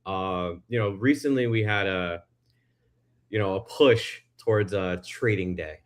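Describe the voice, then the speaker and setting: A man hosting a casual livestream chat, loose and excitable, swearing freely. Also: deep voice, measured pace. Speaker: stream host.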